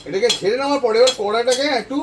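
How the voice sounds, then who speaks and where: Frying sizzles and a spoon stirs in the background as a home cooking host talks straight to his viewers from the stove. He speaks very fast in a very high voice, heard off-mic from a distance, guiding them through the recipe one step at a time and repeating each instruction.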